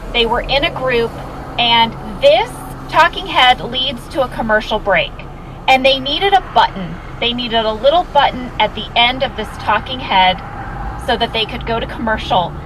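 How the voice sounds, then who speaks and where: A woman's voice: a little high, unhurried. A woman co-hosting a podcast, telling stories in a casual recap style and quoting other people as she goes. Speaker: podcast co-host. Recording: podcast heard over clear car and road noise. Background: vehicle and outdoor traffic noise.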